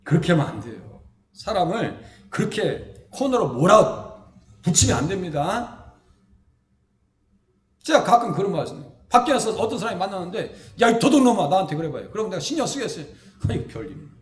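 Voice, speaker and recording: A Korean man with a Chungcheong accent preaches in a high, carrying voice. He talks to the congregation in a conversational way, asking them questions and acting out the people in his story. The church room around him is echoey. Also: sing-song, moderate pace, long pauses. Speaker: pastor. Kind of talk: sermon.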